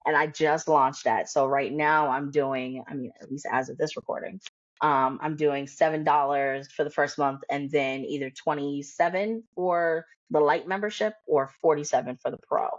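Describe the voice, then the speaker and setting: A woman's voice: deep voice, fairly even intonation, moderate pace, no echo, muffled recording. A woman from the United States, a career coach and podcast guest, talking boldly and bluntly in casual conversation and laughing often.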